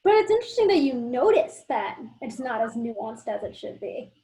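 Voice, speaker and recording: A woman hosts the interview with a somewhat high voice. She asks brisk, leading questions and moves the talk along. Her delivery is plain and conversational. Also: big pitch swings, mellow, low-quality recording. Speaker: interview host.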